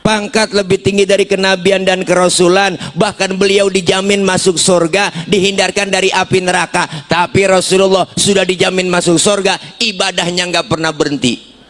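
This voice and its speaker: A man's voice: normal speed, faint music behind. Joking preacher, man. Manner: lively, joking, swings from raised proclaiming to low chatty asides. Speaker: Islamic preacher. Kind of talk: comic sermon to a live congregation.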